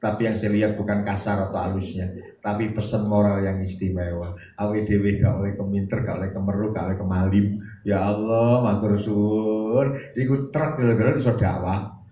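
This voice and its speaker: A man's voice: fairly low pitch, little pitch movement, normal speed, mellow, a little hiss or hum. A man giving a humorous sermon, telling a story and acting out its dialogue with emphatic rises. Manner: storytelling, switching into dialogue voices, rising to emphatic peaks. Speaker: preacher. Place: event hall. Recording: echoey hall with faint ambience.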